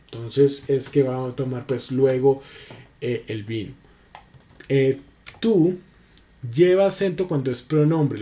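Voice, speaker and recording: A man teaching a recorded spelling lesson, explaining at a halting pace with many fillers and restarts. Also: mid-range voice, dark tone.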